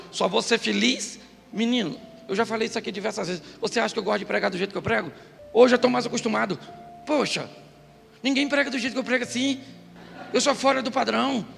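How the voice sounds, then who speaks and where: A middle-aged Brazilian pastor giving a comic sermon in a church, bursting into shouts and acting out voices. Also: male voice, very high-pitched, creaky, in a large hall. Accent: Brazilian Portuguese. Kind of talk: humorous Pentecostal sermon. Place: church hall.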